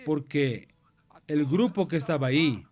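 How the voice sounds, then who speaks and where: A man's voice: a little high, measured pace, a little mellow, faint music behind. A man preaching a sermon to a Bible class. He retells the story with many repetitions and restarts. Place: church.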